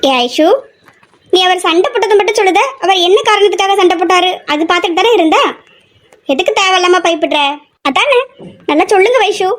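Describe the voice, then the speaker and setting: A woman's voice: very high-pitched, fairly quick. A young woman voicing female college students in an amateur audio drama, with a scolding, reassuring manner. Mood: protective.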